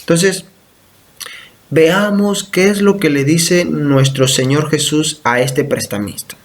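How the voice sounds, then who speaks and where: A man's voice: a little high, slow. A man preaching a church sermon, reading scripture aloud and repeating verses with frequent check-in questions to his listeners. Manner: teaching, repeats verses and asks "¿sí?".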